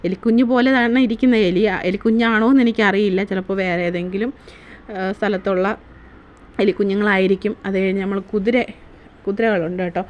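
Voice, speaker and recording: A woman's voice: mid-range voice, fairly even intonation, brisk, highs cut off. A woman narrating her family day-out vlog in a casual, chatty way, often asking viewers to comment. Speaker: vlogger.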